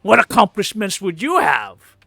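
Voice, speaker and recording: A man voicing a sly, boastful hobgoblin mercenary in a tabletop game, gravelly, with haughty, mocking, drawn-out taunts. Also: sits high, wildly swooping pitch, pushed and bright, no room sound, soft background music, exaggerated voice.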